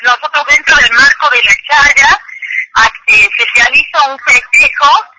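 This is a high-pitched, unhurried woman in her 30s from Chilecito, Argentina, calling in as an activist for a phone interview. She gives her testimony hesitantly and fills it with fillers, over a muffled, noisy phone line.

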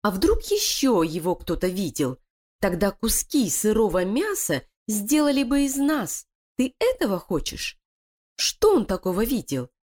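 A woman's voice: mid-range voice, wildly swooping pitch, a little slow, darkish tone, voice pushed up. A woman voicing Lilia, a sly, scheming female animal who talks in a cold, threatening, commanding way. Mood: calculating.

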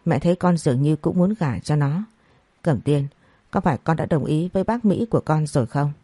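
A woman's voice: low voice, brisk, dark tone, no echo. A woman voicing a furious, heartbroken mother. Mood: scolding.

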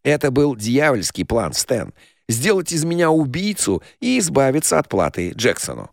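Expressive male crime-novel narrator. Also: medium pitch, moderate pace, creaky, dry recording, clean studio sound. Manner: expressive, dramatic. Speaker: audiobook narrator. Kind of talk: first-person crime narration.

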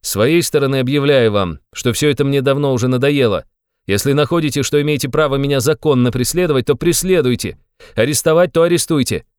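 A man's voice: medium pitch, quick pace, clear, resonant tone, dry recording, clean studio sound, natural voice. A man playing a feverish, defiant young student. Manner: clipped, defiant, bursts into shouts.

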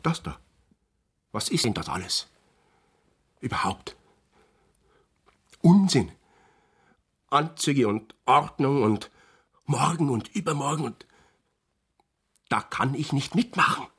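An actor playing a bitter, gruff male drifter after the war in a radio drama, husky and sullen. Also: mid-range voice, animated, a little slow, long pauses, sharp tone, exaggerated voice. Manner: gruff, sullen, bursts of anger.

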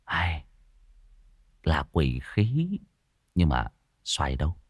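A man voicing a stern young man in an audio story, speaking low and firm. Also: huge pitch swings, slow, husky, dry recording, clean studio sound, full character voice. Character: stern, steady young man, grave warnings.

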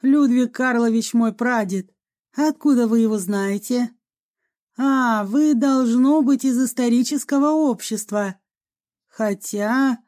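A woman's voice: a little high, mellow. Woman voicing a polite middle-aged doctor. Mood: puzzled. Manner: polite, welcoming, slow and measured. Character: plump, courteous middle-aged male doctor. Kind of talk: audiobook reading.

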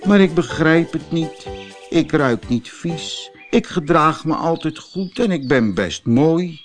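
A man's voice: a little high, lively intonation, takes it slowly, faint music behind, voice pushed up. A man doing a sad, sighing little snail. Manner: plaintive, sighing. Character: sad lonely male snail without a shell.

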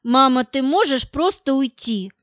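A woman's voice: sits high, lively intonation, unhurried, no echo. A woman voicing a distraught young woman who cries and snaps back in bursts, in a dull, dry recording. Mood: tearful, angry. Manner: sobbing, shouting in bursts.

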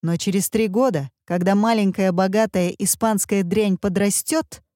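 A woman's voice: mid-range voice, steady tone, normal speed, mellow, no echo, clean studio sound, lightly acted. A woman reading an audiobook, voicing a handsome young male villain who snarls in desperate, anguished outbursts.

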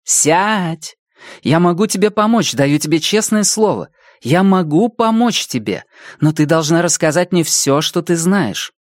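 A man reading a calm, firm woman detective. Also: a little high, unhurried, no echo, studio quality, pitched above the performer's own voice. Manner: steady, reassuring. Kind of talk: audiobook character reading.

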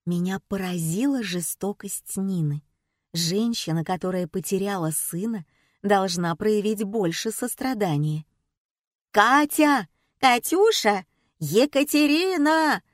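A woman narrating an audiobook in the first person, with an even, wry telling. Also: mid-range voice, measured pace, no echo, clean studio sound.

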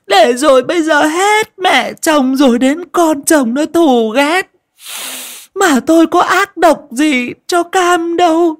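Man voicing a shrill spiteful stepmother. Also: fairly bright tone, exaggerated voice. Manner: screeching, melodramatic wailing. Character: cruel shrill young stepmother, spiteful, wailing.

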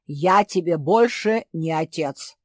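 A woman puts on a puffed-up male dog father for a storybook. He shouts his commands harshly and drags his words out slowly. The voice is close and dry. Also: low voice, expressive, dry recording, full character voice. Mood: angry.

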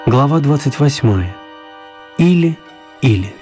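Speaking slowly over music, a man with a mid-range voice and lively intonation narrates a children's tale from a storybook script, settling into a storytelling mood.

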